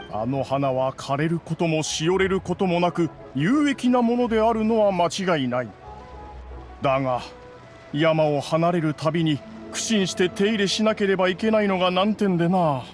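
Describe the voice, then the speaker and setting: A man voicing a proud, stern ancient immortal in human guise for an anime game, lofty and easily exasperated, with archaic phrasing. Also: a little high. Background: music.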